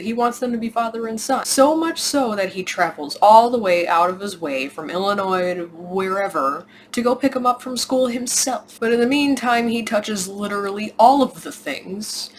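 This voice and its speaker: A woman's voice: mid-range voice, moderate pace, slight background noise. A woman reviewing a film in a sarcastic, exasperated rant, often restarting her sentences. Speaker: movie reviewer. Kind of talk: ranting movie commentary.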